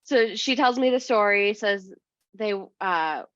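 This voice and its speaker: A young woman from New Hampshire, a podcast guest telling a long anecdote casually, full of "like" and "um", and lively when she quotes people. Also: mid-range voice, takes it slowly, no room sound. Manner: rambling, heavy use of "like" and "um"; animated when quoting others. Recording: dry, slightly muffled podcast mic.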